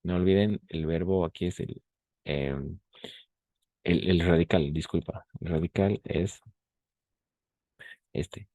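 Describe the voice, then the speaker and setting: A man teaching French grammar in an online class. He is patient and repeats the French examples slowly, checking in with short confirmations. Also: low-pitched, mellow, no room sound.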